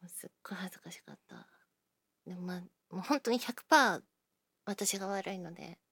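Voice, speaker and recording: A woman chatting casually to her listeners, self-deprecating, often dropping into breathy near-whispers while she talks through an injured shoulder. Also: fairly low pitch, a little fast, a bit bright, dry recording. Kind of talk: casual personal talk to listeners.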